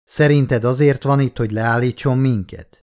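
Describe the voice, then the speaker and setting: A man's voice: mid-range voice, fairly even intonation, darkish tone, smooth, lightly acted. A male audiobook reader voicing a talkative, easygoing worker chatting with his boss. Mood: chatty.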